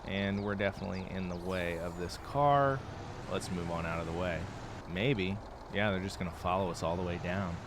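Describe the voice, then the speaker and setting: Low-voiced man narrating a farming game. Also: moderate pace. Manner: relaxed, chatty thinking aloud. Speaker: gaming channel host. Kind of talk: let's-play commentary. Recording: game sounds and vehicle noise behind.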